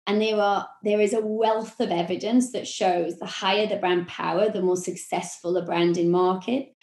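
A woman with a Welsh accent, a marketing executive explaining her work in a podcast interview, measured and full of corporate phrasing. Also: mid-range voice, steady tone, a little mellow, echoey room.

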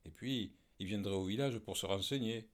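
A man's voice: on the low side, moderate pace, voice pushed up, close to an everyday voice. A man doing a shrewd village man. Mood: reasoning. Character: shrewd male villager, a reasoning talker.

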